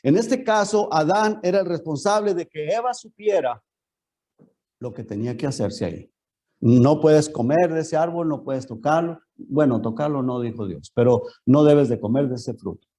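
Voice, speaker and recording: A man's voice: fairly high pitch, normal speed, mellow. A man preaching a Bible lesson as pastor in a church, often turning to the congregation with rhetorical questions.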